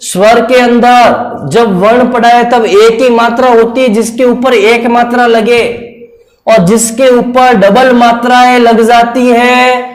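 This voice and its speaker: A man's voice: very high voice, flat delivery, slow. A male teacher giving a classroom lecture, coaxing and repetitive, often checking in with his students. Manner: repetitive, coaxing, keeps saying "ok friends". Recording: echoey room.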